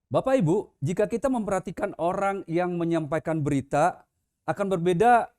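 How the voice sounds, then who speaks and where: Pastor preaching a Sunday sermon in church, conversational, man with a high voice. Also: darkish tone, clear, resonant tone. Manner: conversational, with casual example voices.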